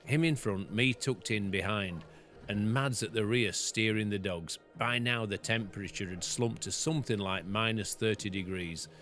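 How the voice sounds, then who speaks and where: A farmer reading a story from his own book aloud in a steady storytelling manner. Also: lowish voice, normal speed.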